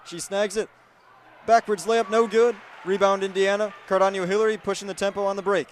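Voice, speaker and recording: A student sports reporter and play-by-play announcer in his twenties, this American man has a high voice and a level tone. He speaks a little fast, with slight background noise behind him.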